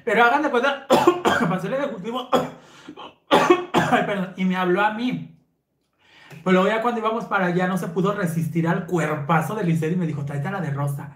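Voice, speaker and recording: Talking fast at a medium pitch in a reverberant space, this Mexican Spanish-accented woman hosts raunchy, casual storytelling for her viewers. She's brassy and slangy, laughs a lot, and addresses her audience as sisters.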